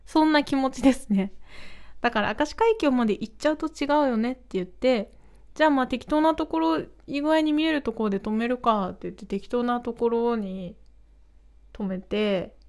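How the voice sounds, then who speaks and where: A young woman hosting her own podcast, casually telling a story in a chatty, animated way, acting out quoted lines and laughing often. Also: a little high, moderate pace.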